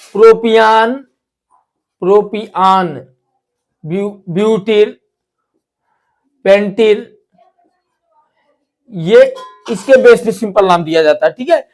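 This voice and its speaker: A man teaching a chemistry lesson, repeating key terms and asking and answering his own questions. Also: high voice. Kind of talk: classroom lesson explanation.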